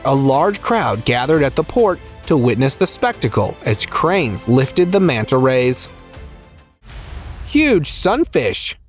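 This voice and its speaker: A man reading scripted nature documentary narration for a video about strange creatures, as a voice-over. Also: on the high side.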